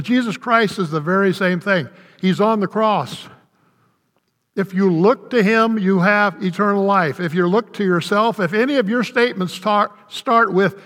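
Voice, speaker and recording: An older man preaching a sermon as a pastor, folksy and conversational, with quick asides to the congregation. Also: high voice, a bit bright. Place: church sanctuary. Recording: long reverb of a church hall.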